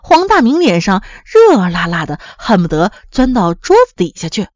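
A woman narrating a story in an expressive, dramatic storytelling manner. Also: mid-range voice, normal speed, dry recording.

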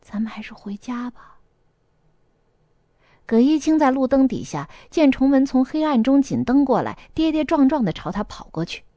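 A woman narrating a novel as a scripted audiobook, with lively storytelling and a light erhua. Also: high voice, brisk, hardly any pauses, no room sound, studio quality.

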